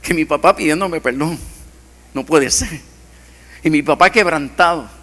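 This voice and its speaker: A man preaches with a high, bright, ringing voice, carried by the long reverb of a church hall. His delivery is impassioned, swelling to urgent pleas and then sinking to soft, intimate tones. It is a pastor's sermon picked up on a stage microphone. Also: a little slow. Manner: impassioned preaching, swings from loud to hushed.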